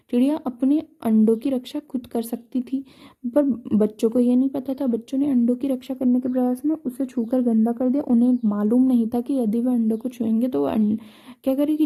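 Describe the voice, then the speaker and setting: Dark-toned woman teacher explaining. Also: high voice. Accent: Hindi. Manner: retells each line then explains it, many restarts and "ठीक है". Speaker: school teacher. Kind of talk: explaining a textbook story.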